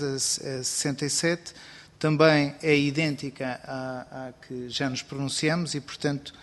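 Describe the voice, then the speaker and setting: A man's voice: mid-range voice, a bit bright. Man, formal committee testimony, hesitant and bureaucratic, voice echoing in a long-reverb hall. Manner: measured, bureaucratic, many hesitation fillers. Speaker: agency president giving testimony. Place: parliamentary committee room.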